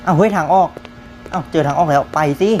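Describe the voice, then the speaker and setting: A young man giving jumpy, excitable commentary on a horror game, often repeating words when startled. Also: fairly high pitch, fast, soft background music. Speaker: gaming YouTuber.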